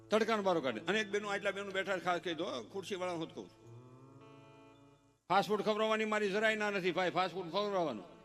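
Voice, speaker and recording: A man's voice: sits high, fairly bright tone. A man performing live folk stage comedy, telling teasing village stories and mimicking family members in exaggerated voices. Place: live stage event with audience.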